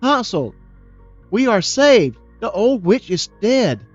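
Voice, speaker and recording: A frightened but brave little girl from a fairy tale, performed by a man speaks in a high, pleading voice. Her voice sits well above a plain man's speaking voice. The recording is dry and close, with no room sound. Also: sing-song, takes it slowly, no echo, dull audio, faint music behind, exaggerated voice. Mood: joyful.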